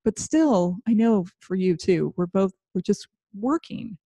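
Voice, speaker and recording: A woman co-hosting a business podcast in a casual chat, agreeable and quick to back up her partner. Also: medium pitch, animated, warm tone, slightly rough, no room sound. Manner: agreeable, backs up her partner, talks through her routine. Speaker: podcast co-host.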